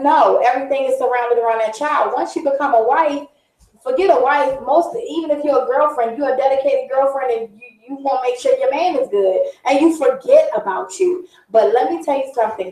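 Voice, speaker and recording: A woman's voice: sits high, darkish tone, echoey room, distant mic, low-quality recording. A middle-aged woman hosting a talk show, talking earnestly and confidingly in a casual monologue, often circling back and repeating herself.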